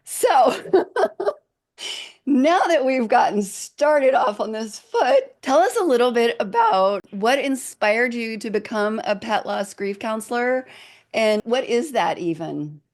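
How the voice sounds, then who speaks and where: A woman's voice: a little high, very animated, slow pace. Emotional woman hosting a podcast. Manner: warm, emotional, gets choked up. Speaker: podcast host. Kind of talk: casual interview chat. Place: farm.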